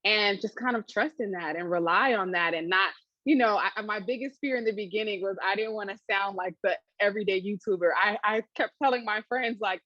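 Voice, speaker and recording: A woman talking casually in an interview, animated and chatty, laughing often and filling her sentences with "you know" and "um". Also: medium pitch, fairly quick, dry recording, dull audio. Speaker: interviewee, food channel creator.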